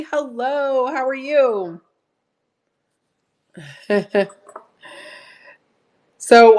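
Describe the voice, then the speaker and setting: A woman with a slightly hoarse, higher-pitched voice hosts a live sale stream, chatting casually, greeting viewers by name, and laughing often.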